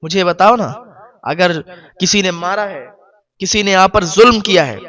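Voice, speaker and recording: A kind male stranger speaks with earnest warmth and promises to stand by a crying man, as a storyteller plays him. His voice is high for a man and rises as his promises grow stronger. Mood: concerned. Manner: earnest, comforting, promising help.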